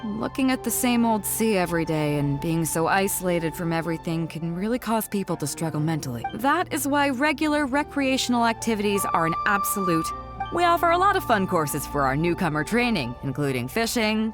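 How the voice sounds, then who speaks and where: Over music, a woman voices a confident, teasing ship captain in a video game, her mid-range voice sing-song and fairly quick with light acting. She's breezy, playful and self-assured, chuckling as she explains things in this character dialogue.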